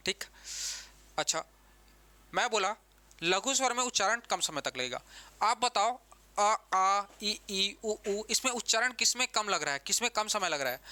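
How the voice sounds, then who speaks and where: A man's voice: very high-pitched, bright, forceful tone, clean tone. A man teaching an exam-prep grammar lesson, who repeats key terms and keeps asking the class questions.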